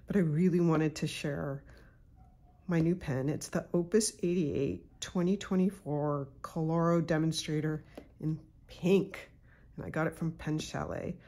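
Congested from a cold, a woman hosting her own YouTube channel unboxes a pen at her home desk. Her voice sits low with a steady tone, and she chats casually and unhurriedly, adding soft asides.

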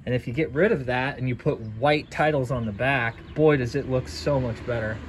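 A man's voice: mid-range voice, fairly even intonation, normal speed, slight background noise. A man casually narrating his own restoration work in a driveway and a garage workshop, thinking aloud in a folksy, rambling way while he films on a handheld phone. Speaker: restoration video host.

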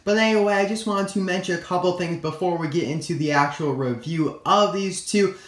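A man's voice: high-pitched, brisk, fairly bright tone. A young American man chatting to viewers in a casual toy review, his speech slightly distorted after having his wisdom teeth out. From United States. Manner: chatty, addresses viewers as guys. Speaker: toy collector and review host. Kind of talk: casual scripted-free product review to camera. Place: indoor room at a tabletop. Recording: roomy echo, faint hiss and crinkling. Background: crinkling plastic packaging, clicks.

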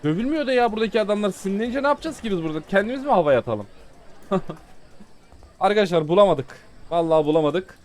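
A man's voice: high-pitched, animated, fast talker, darkish tone. Chatty man doing game commentary. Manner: exasperated, chatty, talks to viewers. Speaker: gaming YouTuber. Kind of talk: let's play commentary.

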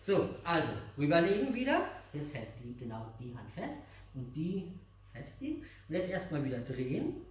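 A middle-aged man with a voice on the high side and wildly swooping pitch talks at normal speed as an aikido instructor. He teaches exercises step by step to a child and viewers, patient and encouraging, with simple repeated phrases. It's recorded indoors in a big dojo with mats, far from a camera mic, with strong hall echo.

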